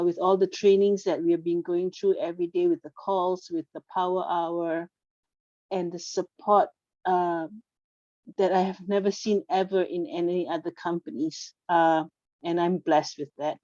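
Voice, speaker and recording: A woman from Singapore giving a halting testimonial on a video call, full of fillers and restarts. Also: fairly low pitch, dark tone, no room sound. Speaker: network marketing member. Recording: dull lo-fi video call audio.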